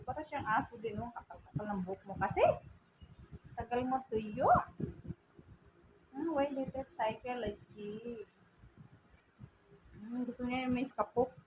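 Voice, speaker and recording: A woman's voice: fairly high pitch, measured pace, long pauses, heavy background noise. A woman with a Filipino accent talking to her pet in teasing, cooing baby talk while drying it. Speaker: pet owner vlogger. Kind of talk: casual chat to her cat while drying it. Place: home, by a fan.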